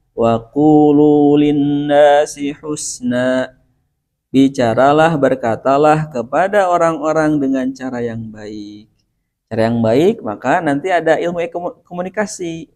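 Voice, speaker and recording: Middle-aged Sundanese-accented preacher. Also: male voice, medium pitch, a little mellow. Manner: mixes Arabic recitation with Indonesian, chuckles often. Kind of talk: sermon.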